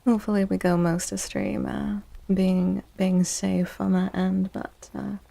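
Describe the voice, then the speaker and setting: Soft and close-miked, a live streamer runs an ASMR tarot stream in a mellow, mid-range voice touched with vocal fry, yet fairly animated. She chats casually at a leisurely pace, talking to her chat and welcoming viewers by name.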